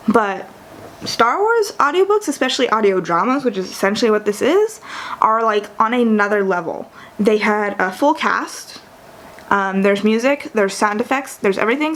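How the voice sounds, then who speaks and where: A young woman book vlogger does a casual tier ranking, chatty and enthusiastic, often correcting herself and using plenty of fillers. Her voice is on the high side, with a little hiss or hum in the background.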